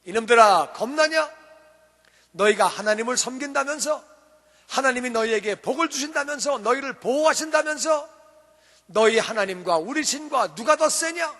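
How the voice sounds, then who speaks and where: Huge boastful giant, loud and jeering, high and strained, put on by a preaching man; long hall echo. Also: lively intonation, normal speed, full character voice. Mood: taunting. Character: huge taunting enemy giant warrior, male, boastful.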